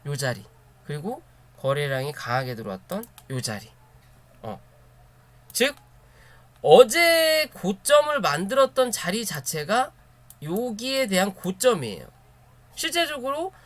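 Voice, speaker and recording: A man's voice: high voice, a bit bright, no echo. A man giving a stock chart analysis lecture. He points at chart spots, repeats short phrases, hesitates often, and asks rhetorical questions that he answers himself. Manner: frequent filler hesitations. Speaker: stock market instructor.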